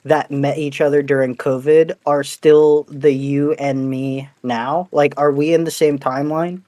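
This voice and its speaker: A man's voice: fairly high pitch, flat delivery, a little slow, dark tone, dry recording. A man co-hosting a podcast as the joking, self-deprecating comic relief, with a slight lisp. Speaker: podcast co-host. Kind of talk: casual podcast chat.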